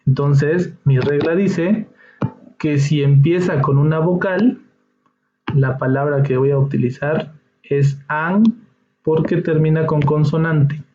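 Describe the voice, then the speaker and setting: A man gives a slow classroom explanation of an English lesson, patiently walking through each step and checking on his students. His voice is a little high and steady with a dark tone, and faint music plays behind a dull, echoey room sound.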